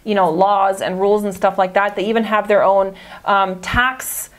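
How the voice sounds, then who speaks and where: A woman's voice: mid-range voice, fairly even intonation, normal speed. A woman talking casually to camera in a vlog, chatty with frequent fillers and mild complaints. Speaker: vlogger in the reacted video.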